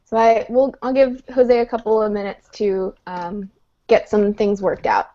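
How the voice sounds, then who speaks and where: A woman teaches English in a live online lesson, her voice medium-pitched, steady, and dark, at a measured pace. She patiently goes step by step, often saying "um." The call audio is dull and lo-fi.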